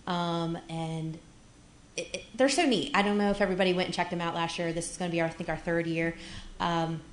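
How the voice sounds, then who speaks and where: A woman's voice: on the low side, fairly even intonation, brisk, a little hiss or hum. Chatty woman in an echoey chamber. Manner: chatty and upbeat, full of fillers. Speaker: city events organizer. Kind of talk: public meeting remarks. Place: council chamber. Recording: echoey meeting room.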